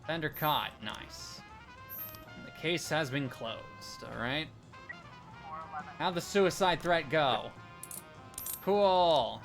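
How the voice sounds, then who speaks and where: A man's voice: on the high side, takes it slowly, vocal fry, long pauses, over music. A man streaming a game, chatting casually, reading game text aloud and thanking viewers. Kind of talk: casual live-stream commentary.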